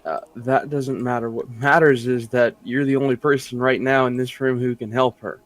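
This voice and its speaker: A man's voice: mid-range voice, fairly even intonation, normal speed. A man playing in a tabletop game, pressing urgently and insistently in character. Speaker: player. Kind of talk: casual tabletop role-play.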